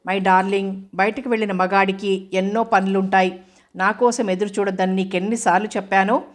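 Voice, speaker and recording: A woman's voice: medium pitch, fairly even intonation, normal speed, lightly acted. A woman reading the part of a drunk, defiant husband with thick, slurred speech in an audio novel.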